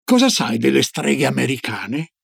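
A man's voice: sing-song, a little slow, vocal fry, breathy edge, no room sound, clean studio sound, heavily acted. A man doing an anxious young boy. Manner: higher, eager, pleading questions.

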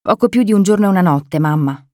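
A tender, devoted young aunt who speaks softly to a child and earnestly to her mother, voiced by a woman reading aloud. Her pitch rises a little above the narration. The recording is dry and close-miked. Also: expressive, fast, no echo, natural voice.

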